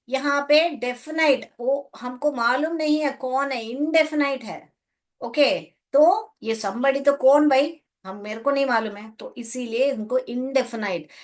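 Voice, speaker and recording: Woman teaching an online class. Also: high-pitched. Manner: explains in Hindi mixed with English, calls students "beta". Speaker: English teacher.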